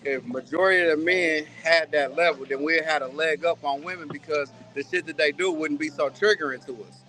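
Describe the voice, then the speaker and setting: A man's voice: on the high side, steady tone, fairly quick, sharp tone. A man earnestly laying out his view at length in a casual debate on a live call-in stream, calling in from a pool hall.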